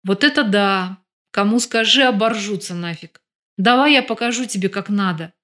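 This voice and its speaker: A woman's voice: mid-range voice, normal speed, fairly bright tone, lightly acted. A woman voicing a bold, scheming young woman who mocks and taunts in an audiobook. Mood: mocking. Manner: mocking, brash.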